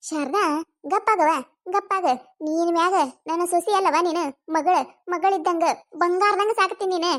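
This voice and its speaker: A woman's voice: extremely high pitch, steady tone, moderate pace, fairly bright tone. A woman doing a fierce old village mother-in-law. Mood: consoling. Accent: North Karnataka Kannada. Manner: scolds her son, coaxes and consoles her daughter-in-law. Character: scolding elderly village mother-in-law, fierce but doting. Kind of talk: cartoon comedy voice acting.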